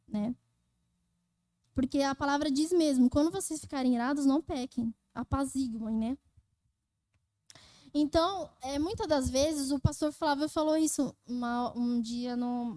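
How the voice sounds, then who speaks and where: A young woman with a Brazilian Portuguese accent gives her testimony at a youth gathering in a high, bright voice. The sound is close and dry, with almost no room echo. She tells her story casually, talking to her listeners as brothers and sisters. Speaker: youth speaker. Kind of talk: church testimony.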